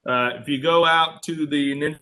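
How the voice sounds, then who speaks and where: A man's voice: fairly high pitch, steady tone, moderate pace, sharp tone. A man teaching an online class as instructor in a casual, conversational, explanatory way.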